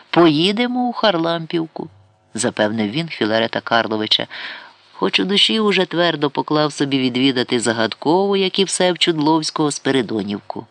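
A man narrating a comic novel as an audiobook, with lively, expressive storytelling. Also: mid-range voice, gravelly, no echo.

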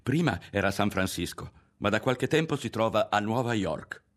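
A man doing an eager young boy, raised and excited. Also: lowish voice, normal speed, close to an everyday voice. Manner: excited, pleading. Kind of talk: audiobook character reading.

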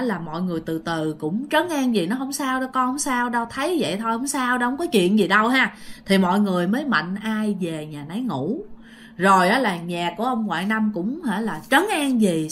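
Animated woman telling ghost stories. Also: mid-range voice. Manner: animated, addresses listeners directly. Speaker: storyteller. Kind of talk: casual ghost-story telling.

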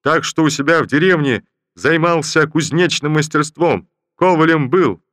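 A man reading an audiobook voices a simple young peasant soldier shouting out eager, dutiful answers to his general. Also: on the high side, normal speed, no echo, clean studio sound, pitched above the performer's own voice, lightly acted.

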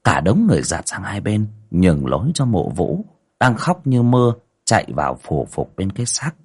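A man's voice: low voice, normal speed, breathy edge. A man hosting a livestream, reading a village ghost story aloud with dramatic storytelling. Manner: dramatic storytelling with lively rises and falls.

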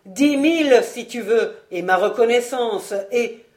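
Woman putting on a scheming lord, low voice, slow and heavy on every word, bossy and sharp when he snaps out orders. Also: animated, natural voice. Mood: pleading. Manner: slow, weighty, pressing on each word. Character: scheming nobleman, master of the manor, commanding.

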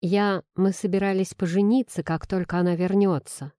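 A woman's voice: mid-range voice, normal speed, warm tone, no room sound, clean studio sound, close to an everyday voice. A woman reading a storybook, voicing an anxious, impatient young male doctor. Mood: anxious, hurried. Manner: nervous, pushy.

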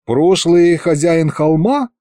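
Brief: male reader as a teasing young hero, lively delivery, dry audiobook sound. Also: fairly high pitch, slow pace, no room sound, pitched above the performer's own voice. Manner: wry, teasing. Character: wry young man, the first-person hero.

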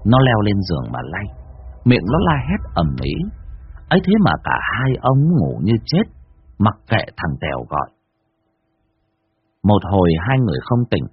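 Male horror storyteller, low and husky, lively delivery; dry, muffled sound. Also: dry recording. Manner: lively expressive telling. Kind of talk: dramatic horror story narration.

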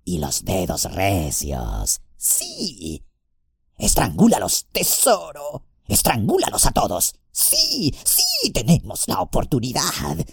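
A man reading an audiobook and voicing a wretched old creature who hisses and mutters to himself, with a raspy, gravelly voice. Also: huge pitch swings, takes it slowly, dry recording, clean studio sound, heavily acted. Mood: muttering, greedy. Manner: muttering to himself, wild swoops of pitch. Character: wretched old male creature, hissing, fawning, vicious. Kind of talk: audiobook character voice.

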